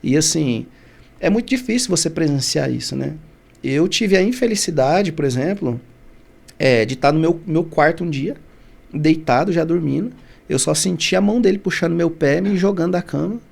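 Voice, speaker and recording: A man from Brazil recounts his own past as a podcast guest, his voice sitting a bit high with a gravelly edge. He tells the story with feeling, often breaking off and restarting, and he acts out the voices of the people he quotes. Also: lively intonation, moderate pace. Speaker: podcast guest, barbershop founder. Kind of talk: personal storytelling in an interview.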